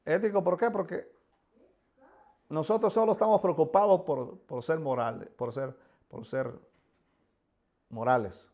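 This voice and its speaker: A man's voice: on the high side, slow, long pauses, darkish tone. A man preaching a sermon with fervor, voicing pleading prayers and often repeating words.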